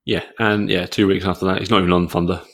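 British guy, lowish voice, chatting casually as podcast co-host. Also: level tone, fast. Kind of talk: casual chat.

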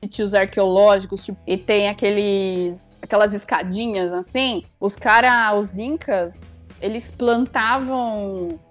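A woman's voice: mid-range voice, steady tone, slow pace, few pauses, soft background music. A woman, co-hosting a casual chat with friends and telling stories full of fillers. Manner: chatty storyteller, lots of fillers. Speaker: podcast co-host.

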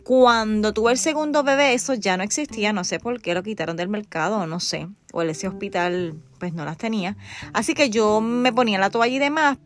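A woman's voice: on the high side, a bit bright. A woman in her thirties with a Puerto Rican accent, hosting a podcast in a candid, chatty way that speaks straight to the listener. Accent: Puerto Rican Spanish. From Puerto Rico. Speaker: podcast host. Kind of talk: casual podcast chat.

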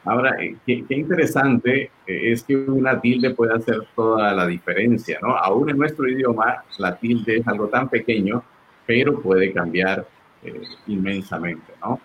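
Male pastor, low-pitched co-host, chatty Bible discussion. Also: a little slow, highs cut off, a little hiss or hum. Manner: conversational, uses fillers and tag questions.

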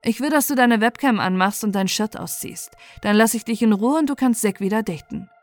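A woman's voice: mid-range voice, brisk, dry recording, natural voice. A woman reading out the chat lines of a crude, threatening teenage boy, in a blunt, bullying way.

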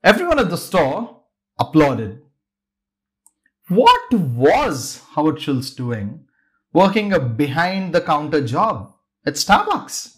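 A man's voice: a little high, very animated, takes it slowly. A man hosting a podcast, narrating a scripted story with dramatic, varied pacing. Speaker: podcast host.

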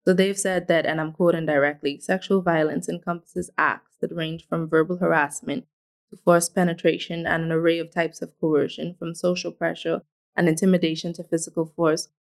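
A young woman student from the Bahamas speaks as a podcast guest in a friendly, articulate manner with a playful touch. Her voice sits somewhat low for a woman. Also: level tone, normal speed, vocal fry. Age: young adult. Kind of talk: casual podcast chat.

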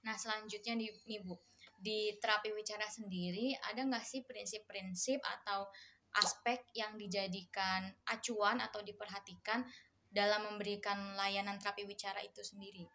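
A woman hosts an interview, asking her guest questions in a chatty, friendly way. Her voice is bright and forward at a middling pitch. A faint noise sits under the recording. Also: level tone, moderate pace. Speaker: interview host. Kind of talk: casual interview hosting.

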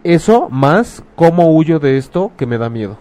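A man's voice: a little high, sing-song, moderate pace, dark tone. A man with a Mexican Spanish accent, talking casually and frankly as a host, using slang and acting out quoted remarks. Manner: frank, blunt, uses slang, acts out quoted speech. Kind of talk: casual conversational advice talk.

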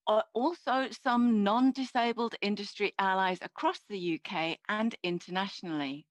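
A woman giving a live interpreter voice-over for a signing host, speaking in measured short phrases. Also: mid-range voice, no room sound, poor audio.

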